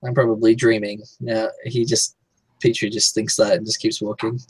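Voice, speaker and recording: A man's voice: fairly low pitch, little pitch movement, normal speed, breathy edge, dry recording, low-quality recording. A man playing a tabletop role-playing game, speaking casually both as himself and in character.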